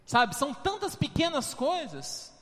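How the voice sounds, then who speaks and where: A man's voice: extremely high pitch, huge pitch swings, measured pace, fairly bright tone, big-room sound. A male pastor preaching a conversational, humorous sermon, often tagging his sentences with questions to the congregation. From Brazil. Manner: humorous, conversational, constant tag questions, addresses congregation as "amados". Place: church hall.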